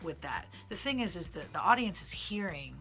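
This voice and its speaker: With soft background music, a Midwestern transgender man in his thirties shares personal stories to camera at normal speed. A singer and vlogger, he has a high, sing-song, sharp-toned voice that sounds feminine, and his casual storytelling is candid, wandering, and heavy on fillers.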